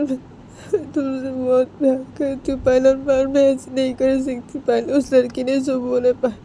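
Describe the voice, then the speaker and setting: A woman's voice: high-pitched, creaky, mellow, slight background noise, voice pushed up. A woman voicing a tearful young woman who pleads desperately, her words breaking into sobs, in a storybook romance.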